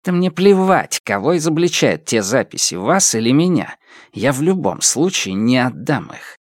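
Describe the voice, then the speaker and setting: A man reading an audiobook, voicing a defiant older village headman with a high, sneering voice. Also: very animated, moderate pace, no echo, clean studio sound. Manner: sneering, pitched up high, shouting when angry. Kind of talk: audiobook character voice.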